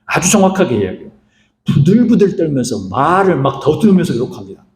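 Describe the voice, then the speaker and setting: A man's voice: on the high side, very animated, quick pace, darkish tone, reverberant. A man preaching a sermon as guest pastor, posing rhetorical questions to the congregation and acting out what people say. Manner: asks the listeners rhetorical questions and acts out quotes. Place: church sanctuary.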